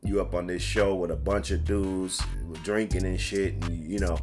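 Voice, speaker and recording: A man giving casual, slangy reaction commentary over a played clip, with drawn-out asides. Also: sits low, fairly even intonation, a little mellow, faint music behind. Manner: slangy, drawling asides, "you dig". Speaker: reaction streamer.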